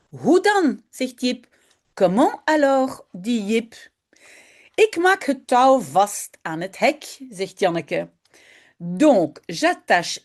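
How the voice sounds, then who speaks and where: A woman teaches Dutch, reading a short story aloud and then explaining it. Her voice sits a bit high and swings widely in pitch, and her pace is slow and careful. Her manner is clear and patient. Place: indoors, in front of a screen.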